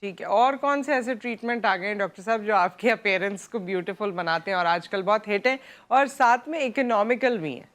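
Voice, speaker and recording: A woman's voice: mid-range voice, fairly quick, few pauses, a bit bright. A woman with a Pakistani accent hosting a TV studio interview, talking in a conversational way with frequent affirming murmurs. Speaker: TV morning show host.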